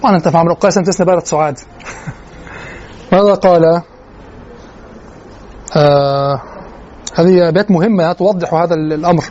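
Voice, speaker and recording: A man teaching a lesson on classical poetry, explaining verses line by line and reciting them slowly. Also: on the high side, darkish tone. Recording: dull lo-fi recording with faint noise.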